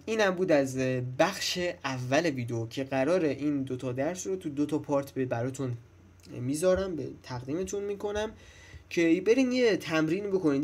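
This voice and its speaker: A young man gives a relaxed English lesson to school students. His voice sits a little high for a man, and he talks to the class directly, often repeating himself to drive a point home. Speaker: English teacher. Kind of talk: casual classroom-style lesson.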